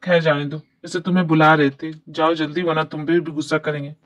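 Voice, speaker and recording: A woman voicing a nervous, friendly male office assistant in a fan dub drama, hurried and worried. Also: deep voice, level tone, lightly acted. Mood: anxious.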